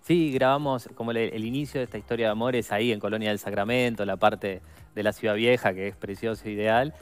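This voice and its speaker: Clear-voiced Uruguayan director, easygoing. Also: male voice, lowish voice, steady tone, fast talker. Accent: Uruguayan Spanish. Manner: easygoing, uses many fillers like "este". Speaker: film writer and director, guest. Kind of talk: casual interview chat.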